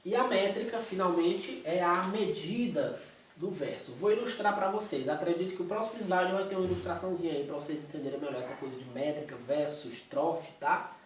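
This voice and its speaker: A man's voice: high-pitched, a little fast, slight background noise. Brazilian male teacher explaining a lesson, constant check-ins, distant mic in a very echoey room. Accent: Brazilian Portuguese. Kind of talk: recorded classroom lecture.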